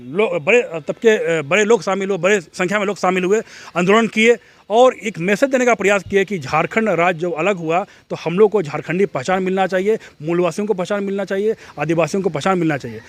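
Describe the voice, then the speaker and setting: Man, slightly high voice, earnest, explanatory, interview answer. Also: a little fast, no echo. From Jharkhand. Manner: earnest, explanatory, with frequent restarts. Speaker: activist interviewee.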